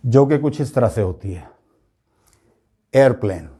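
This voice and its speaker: A man's voice: medium pitch, expressive, normal speed, dark tone, husky. A man giving a spoken English pronunciation lesson, explaining patiently and repeating each word to drill it. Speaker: English teacher.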